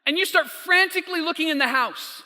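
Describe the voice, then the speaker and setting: Man, pastor, sermon, very bright tone, long hall reverb. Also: very high-pitched. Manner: storytelling, emphatic, slows down for quotes.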